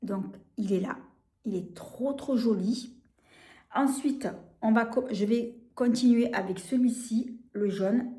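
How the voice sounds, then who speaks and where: A French woman showing makeup on camera, gushing about each product and filling pauses with hesitations and repeated words. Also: on the high side, mellow. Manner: gushing, enthusiastic over products. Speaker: beauty vlogger. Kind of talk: casual product demo. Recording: echoey room.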